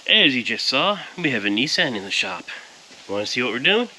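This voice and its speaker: Big pitch swings run through a man's mid-range, pushed and bright voice as he briskly walks through installing car audio. It's a casual how-to vlog shot in a car repair shop, each step explained conversationally. The audio is poor, with slight background noise.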